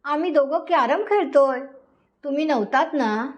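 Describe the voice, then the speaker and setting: Woman narrator as a bewildered wife in a spoken story, questioning plainly in a light, high voice. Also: normal speed, dull audio, close to an everyday voice. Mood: puzzled. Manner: questioning, matter-of-fact. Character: puzzled young wife, calm and homely.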